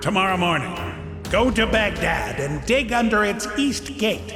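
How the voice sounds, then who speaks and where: An imperious genie, very high-pitched and wildly swooping. He scolds and commands in theatrical bellows, like a storybook cartoon spirit. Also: animated, measured pace, loud music behind the voice. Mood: grand, commanding. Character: loud bossy male genie in a dream, imperious and scolding. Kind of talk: animated storybook acting.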